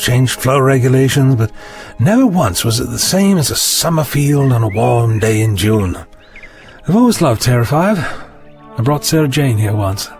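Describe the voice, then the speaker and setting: An actor playing an eccentric, eager and fussy time-travelling doctor in an audio drama, whimsical and wordy. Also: male voice, medium pitch. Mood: wistful. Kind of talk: scripted audio drama acting.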